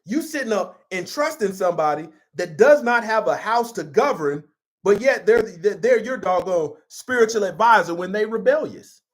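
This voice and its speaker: A man's voice: sits high, lively intonation, normal speed. A man preaching a sermon in an emphatic, conversational style and repeating himself for force. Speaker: pastor.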